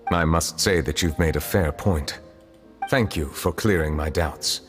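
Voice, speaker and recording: A man voicing a formal, solemn, ancient chief justice in a video game, speaking in a measured, restrained way. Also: extremely low pitch, long reverb tail, faint music behind. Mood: calm.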